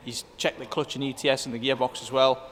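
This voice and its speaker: A man's voice: medium pitch, level tone, quick pace, fairly bright tone. Man vlogging in an echoey workshop. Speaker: workshop vlog host. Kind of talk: casual walk-around vlog, interviewing mechanics. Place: inside a car workshop. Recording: echoey workshop hall with faint background noise.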